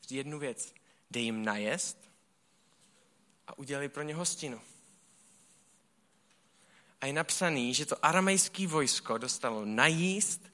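A man preaching a sermon, telling stories in a casual, colloquial and animated way. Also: on the high side.

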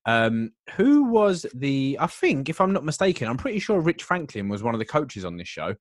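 A man's voice: mid-range voice, very animated, normal speed, dry recording, studio quality. A man talking sports casually on a podcast, rambling and swearing, with lots of restarts. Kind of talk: casual chat.

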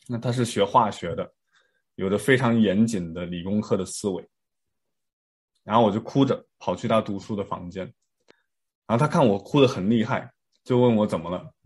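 A male preacher giving a sermon, telling stories in a calm way with frequent hesitant fillers between phrases. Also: fairly low pitch.

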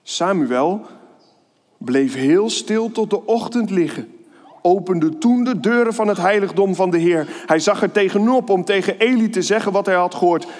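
Man pastor, high voice, lively kids' sermon, long church reverb. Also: moderate pace. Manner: lively, playful storytelling to children. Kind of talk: children's sermon with Bible reading.

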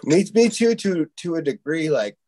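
A man's voice: on the high side, big pitch swings, normal speed, mellow. A middle-aged man hosting a podcast in casual chat, rambling with lots of fillers and restarts, swearing freely, and fighting the hiccups. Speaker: podcast host.

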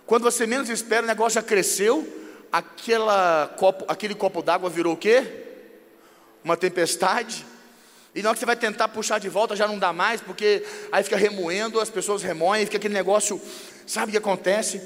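A man with a Brazilian Portuguese accent preaches in a high, lifted voice, telling everyday stories in a lively way. His words ring out with a long hall reverb behind them, and he slips into acted dialogue as he explains. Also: a little fast. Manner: lively storyteller who acts out dialogues. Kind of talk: informal sermon on marriage.

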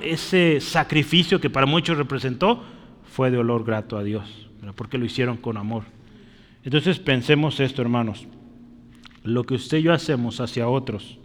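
Preacher in a reverberant hall. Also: male voice, mid-range voice. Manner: constant tag questions to the congregation; swings between loud emphatic peaks and quiet drops. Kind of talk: sermon. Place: church hall.

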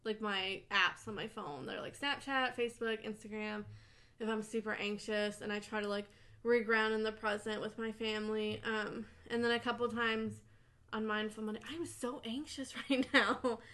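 A woman's voice: mid-range voice, steady tone, normal speed, fairly bright tone. A young woman co-hosting a podcast, talking casually and nervously, a bit out of breath and laughing, with lots of filler words. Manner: chatty, anxious and laughing, many "like" fillers. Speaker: podcast co-host. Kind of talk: casual chat.

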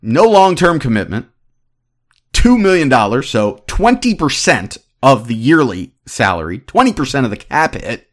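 A man in his thirties giving opinionated sports commentary as a podcast host, ranting in an animated, exasperated way. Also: mid-range voice, normal speed. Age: 30s.

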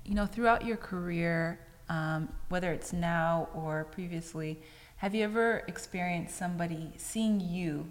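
A woman's voice: fairly low pitch, big-room sound. A woman hosting a podcast interview, asking questions and giving encouraging affirmations. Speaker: podcast host. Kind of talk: scripted intro and interview questions.

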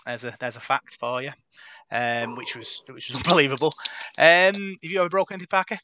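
A man's voice: medium pitch, fairly even intonation, brisk, noisy background. A young man hosting a casual podcast, chatting and telling stories in a chatty, self-deprecating way. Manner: chatty, tells anecdotes with self-deprecating laughs. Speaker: podcast host reading the news.

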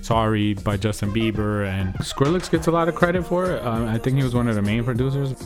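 Over loud music, a New Jersey-raised DJ and music producer chats casually in an interview, telling laid-back stories packed with slang. His voice is medium-pitched and expressive, and he speaks a little fast.

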